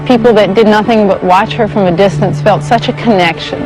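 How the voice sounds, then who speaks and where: A woman's voice: mid-range voice, a little fast, low-quality recording. Woman elephant keeper recollecting, music behind. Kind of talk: documentary interview recollection.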